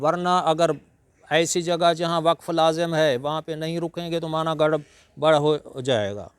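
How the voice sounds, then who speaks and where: Man, religious lecture, smooth resonant voice, slightly high pitch, dry close sound. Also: no echo. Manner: slow, measured teaching with drawn-out Arabic recitation. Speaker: Quran reciter and preacher.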